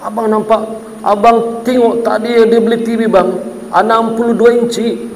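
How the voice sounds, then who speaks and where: A preacher voicing a nagging young wife who complains and gossips in a whiny, raised voice. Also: male voice, very high-pitched, rapid-fire, vocal fry, big-room sound, voice pushed up, low-quality recording. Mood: gossiping.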